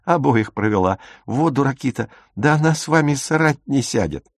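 A man voicing a sharp-tongued teenage girl who mocks and scolds two fighting boys. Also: lively intonation, normal speed, no room sound, clean studio sound. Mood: mocking. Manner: mocking, shrill.

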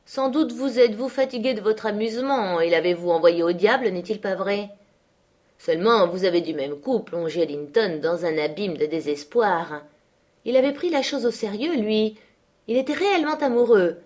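A woman voicing a harsh, brooding man who mocks and threatens, forceful and insistent. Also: mid-range voice, moderate pace, pitched above the performer's own voice, close to an everyday voice. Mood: menacing. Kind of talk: audiobook character voice.

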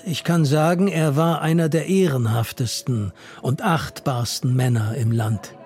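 A man reading the lines of an old lieutenant who speaks gravely in a trembling voice, over music. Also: medium pitch, steady tone, unhurried, a little mellow. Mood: solemn. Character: old lieutenant, solemn and moved. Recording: music playing under the reading.

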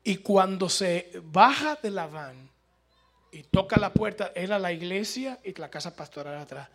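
A man with a high voice preaches to his congregation, telling a story with lively swings from loud exclamations to hushed quoted lines. He speaks to the listeners directly, in an animated sermon style. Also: a little slow.

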